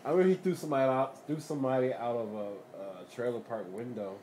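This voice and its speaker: A man's voice: medium pitch, fast talker, darkish tone, slight background noise. A man chatting casually and jokingly with friends, slangy and profane, often prodding with questions.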